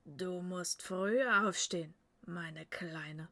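A woman voicing a gruff, proud older Viking warrior father in a storybook reading, teasing and confident. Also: lowish voice, slow pace, fairly bright tone, full character voice.

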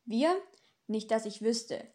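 A woman's voice: fairly high pitch, slow pace, a little mellow. Storybook demon, male, dry and sneering, as a woman reader voices him. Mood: mocking. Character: sarcastic mocking male demon, grinning. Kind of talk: audiobook dialogue.

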